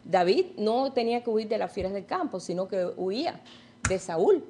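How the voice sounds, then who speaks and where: A woman's voice: mid-range voice, very animated, moderate pace, mellow, slight background noise. A woman teaching a Bible study sermon, retelling stories and asking her listeners questions.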